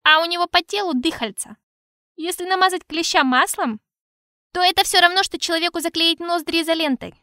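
Woman voicing a high bright pedantic know-it-all. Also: brisk, dry recording, studio quality. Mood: explaining. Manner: lecturing, correcting, precise. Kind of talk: audiobook reading.

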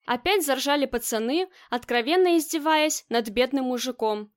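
High-voiced woman reading a novel. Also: moderate pace. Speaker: audiobook narrator.

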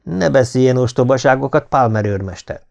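A man's voice: mid-range voice, darkish tone, muffled recording, pitched above the performer's own voice, natural voice. A man reading an audiobook voices a resolute army doctor who speaks firmly and commandingly. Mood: stern. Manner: firm and commanding.

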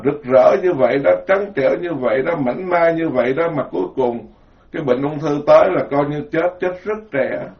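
A Buddhist monk with a Southern Vietnamese accent delivers a loose, folksy sermon. He teases and stacks words into emphatic lists, his voice sitting at an ordinary middle pitch. The recording is dull and lo-fi. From southern Vietnam, Mekong Delta. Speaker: Buddhist monk giving a dharma talk. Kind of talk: informal sermon.

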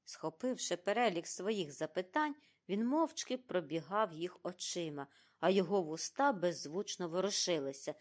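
A woman reading a detective novel aloud as an audiobook, narrating in an expressive, animated way. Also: fairly low pitch, moderate pace.

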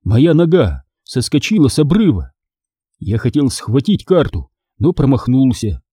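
Male audiobook narrator, dramatic storytelling, husky voice, dry close sound. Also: mid-range voice, big pitch swings, unhurried, dark tone, dry recording. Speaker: audiobook reader.

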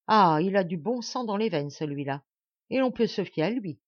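A woman reading an audiobook, voicing an older country gentleman who calls out excitedly. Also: mid-range voice, normal speed, no echo, lo-fi sound, close to an everyday voice. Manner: exclamatory, calling out.

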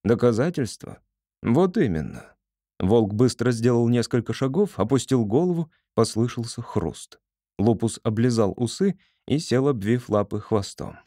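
A man narrating an audiobook with expressive storytelling. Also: mid-range voice, moderate pace, no echo, clean studio sound.

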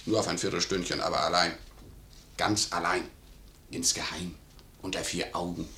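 An actor playing a blunt, loyal manservant in a classic radio play, talking in a sly, insinuating way. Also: male voice, low-pitched, fairly even intonation, a little fast, bright, forceful tone, a little hiss or hum. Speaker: servant. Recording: roomy studio echo.

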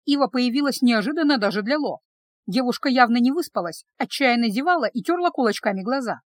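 A woman narrating an audiobook with even storytelling on a close microphone. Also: a little high, brisk, dry recording. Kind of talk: scripted narration.

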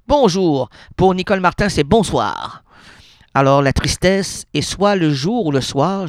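A man with a Québécois accent hosts a freewheeling radio monologue from a studio mic. His voice sits a bit high with a gravelly fry, and the sound is close and dry. He rambles, plays with words and keeps correcting himself. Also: dry recording. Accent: Québécois French. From Quebec. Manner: rambling, playful wordplay, frequent self-corrections. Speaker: radio host.

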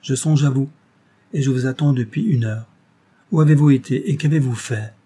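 A man's voice: mid-range voice, moderate pace, warm tone, breathy edge, pitched above the performer's own voice, natural voice. A man reading a classic novel aloud, voicing an older baronet who questions his young wife fondly and a little reproachfully. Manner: fond questioning, slightly reproachful. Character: older baronet, doting and fond husband. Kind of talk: audiobook character reading.

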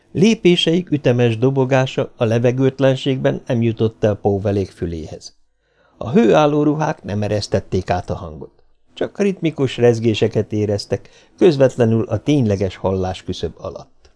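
Gravelly male audiobook narrator. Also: mid-range voice. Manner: steady, measured storytelling. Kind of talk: audiobook reading of science fiction.

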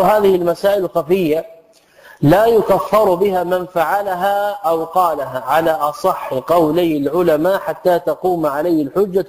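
A man's voice: sits high, darkish tone, poor audio. A middle-aged man teaching a religious lesson, reading from a text and explaining it with rhetorical questions. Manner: reads a passage, then explains it with rhetorical questions. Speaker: Islamic scholar teaching a lesson.

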